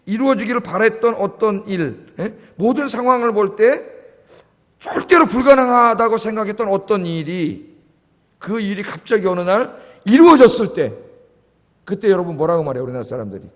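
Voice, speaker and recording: A man preaching a sermon as pastor, animated and often prompting the congregation for a response. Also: high voice, normal speed. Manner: acts out quoted voices and jokes with listeners. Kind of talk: sermon at a dawn service. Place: church sanctuary. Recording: long church reverb.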